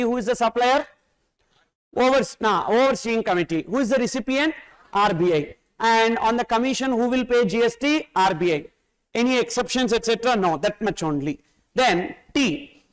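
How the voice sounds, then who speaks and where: Smooth and high-pitched, a man with a South Indian accent teaches a tax course, driving points home emphatically and repeating himself. He regularly asks questions and supplies the answers. The recording quality is low.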